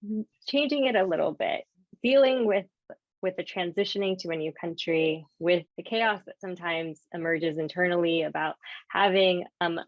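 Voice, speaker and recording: A woman's voice: on the low side, moderate pace, dry recording, lo-fi sound. A woman hosting a panel, affirming answers and asking questions conversationally. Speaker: host. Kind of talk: moderating a panel discussion.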